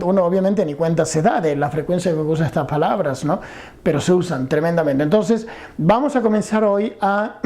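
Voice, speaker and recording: A man's voice: high voice, mellow. A middle-aged man teaching an English grammar lesson, explaining patiently and often checking understanding.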